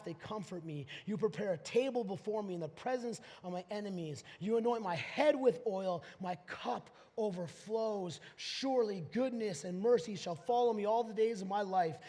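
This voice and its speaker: A man with a high, light voice preaches to his church. He goes from hushed scripture reading to loud, emphatic bursts, often stumbling and restarting his phrases. The sound rings with the long reverb of a big hall. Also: moderate pace. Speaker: pastor. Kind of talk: live church sermon. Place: church auditorium.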